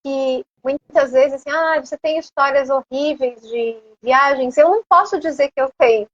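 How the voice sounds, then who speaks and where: A Brazilian woman with a Brazilian Portuguese accent, chatting as an interview guest, animated and rambling with many hesitant fillers. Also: sits high, normal speed, no room sound, muffled recording. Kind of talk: casual conversation.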